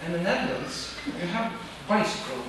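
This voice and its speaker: A middle-aged woman from Norway answers questions from a podium, thinking aloud with fillers and restarts. Her voice comes from well back in a big, booming auditorium. A steady hiss of room noise sits underneath. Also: distant mic. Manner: thoughtful, halting with fillers and restarts. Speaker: workshop speaker. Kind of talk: answering questions after an academic talk. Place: large wood-paneled auditorium, on a stage at a podium. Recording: echoey hall picked up from afar, with background noise.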